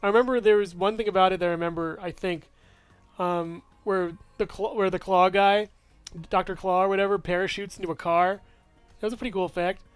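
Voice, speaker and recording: A man's voice: high voice, fairly even intonation, fairly quick, smooth, no echo, faint music behind. A young man casually reviewing movies, rambling and offhand, laughing to himself. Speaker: movie reviewer, channel host.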